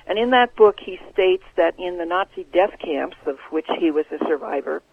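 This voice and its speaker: A man, an author, answering interview questions in an earnest, measured way over the phone. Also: sits high, lively intonation, gravelly, slightly rough, no echo. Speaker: author guest. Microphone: telephone. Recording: tinny phone line.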